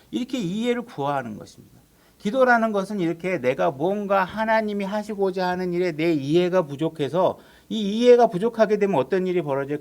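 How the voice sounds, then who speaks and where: A man preaching a sermon as pastor, in a conversational way with frequent rhetorical questions to the congregation. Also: sits high. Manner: acts out quoted prayers and voices of God in his own voice.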